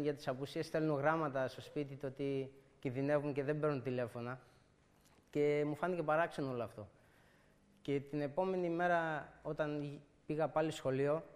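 A young man from a church congregation, earnestly telling a personal testimony and retelling conversations step by step. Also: fairly high pitch. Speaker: church member giving testimony. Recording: long hall reverb.

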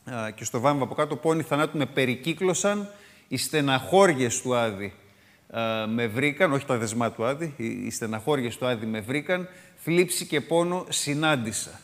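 In a large hall, a male Bible teacher with an expressive mid-range voice gives a sermon-style study on a psalm. He reads verses aloud between comments and explains them word by word, with frequent filler sounds.

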